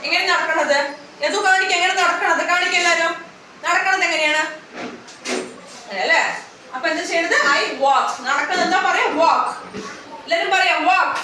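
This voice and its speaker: Preschool teacher lady, high bright voice, keeps asking the kids questions, far off in a super echoey classroom. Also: normal speed, pauses often, a little hiss or hum. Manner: coaxing, repeating simple words and asking many questions. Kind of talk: classroom teaching of young children.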